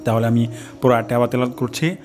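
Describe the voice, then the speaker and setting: A man teaching recitation pronunciation in a slow, careful lesson, repeating each sound to demonstrate it. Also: mid-range voice, a little mellow.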